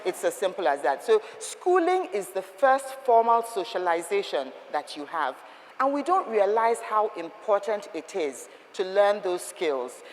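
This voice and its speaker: Woman, etiquette trainer; firm, emphatic, questioning delivery, expressive pitch, roomy hall sound. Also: unhurried, a little hiss or hum. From Nigeria. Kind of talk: instructive talk to a group. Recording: long reverb of a hall.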